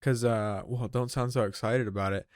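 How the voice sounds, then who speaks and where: Young guy cohosting a podcast, smooth clear voice, dry close sound, swears a lot, super laid-back. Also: medium pitch, steady tone, normal speed, dry recording. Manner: laid-back, swears freely, reads questions aloud. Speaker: podcast co-host. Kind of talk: casual chat.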